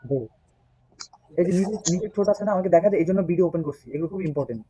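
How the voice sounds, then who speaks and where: A man's voice: high-pitched, racing, dark tone, slightly rough. A man teaching German in an online class. He spells out the alphabet patiently and repeats each sound several times. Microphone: laptop mic on a video call. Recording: dull lo-fi video call audio.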